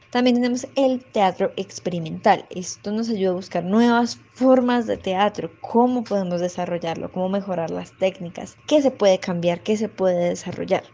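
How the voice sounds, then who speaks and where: Woman presenter, mid-pitched, measured explanatory delivery, informal lesson feel. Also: dark tone. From Colombia. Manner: explanatory, measured, offers personal opinions. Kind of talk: informal educational talk.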